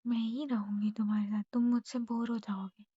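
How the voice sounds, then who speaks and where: A young woman on an intimate phone call with her husband, teasing him softly and often half whispering. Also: fairly high pitch, little pitch movement, a little fast, breathy edge, no room sound. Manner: soft-spoken, teasing, often near a whisper. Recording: muffled phone call recording.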